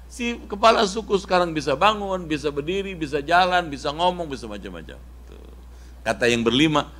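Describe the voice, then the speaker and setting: A middle-aged man from Indonesia preaching a casual sermon in a mosque, telling a story with lively quoted voices. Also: a little high, a little fast.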